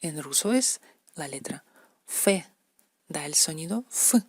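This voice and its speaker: A woman teaches letter sounds at an unhurried pace, saying each example word again and again. Her low voice has a husky edge, and the recording is close and dry. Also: lively intonation, no echo. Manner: patient, repeating example words slowly. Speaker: language teacher. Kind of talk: explaining letter pronunciation to beginners.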